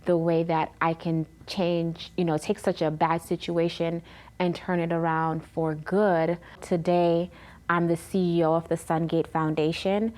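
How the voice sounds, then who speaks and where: Woman, 30s, interview guest, personal testimony, earnest and animated, lowish voice. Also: unhurried. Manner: earnest, animated when retelling conversations.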